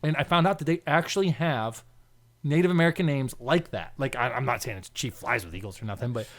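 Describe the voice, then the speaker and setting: A man's voice: medium pitch, brisk, a bit bright. A man hosting a podcast in casual chat, telling rambling, self-mocking stories and laughing as he goes. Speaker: podcast host.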